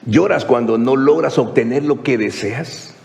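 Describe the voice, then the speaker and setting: A male pastor preaching a sermon, asking rhetorical question after question and swinging from hushed to exclaiming. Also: mid-range voice, measured pace, creaky, in a large hall. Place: church.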